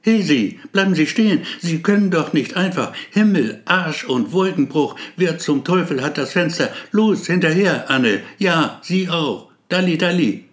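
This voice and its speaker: Man voicing a gruff barking police officer. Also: mid-range voice, moderate pace, lightly acted. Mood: shouting. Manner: blunt, barking orders. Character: gruff male police officer, blunt and shouting.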